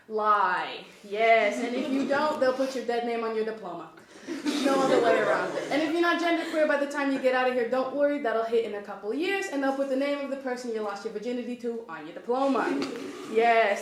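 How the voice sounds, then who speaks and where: Woman putting on a booming fake professor. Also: background noise, lightly acted. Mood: mock stern. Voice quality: put-on theatrical accent. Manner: booming, deadpan mock authority. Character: pompous fake male scholar, loud, smug. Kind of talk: comic lecture performance. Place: echoey school exam room. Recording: echoey room, mic from far off.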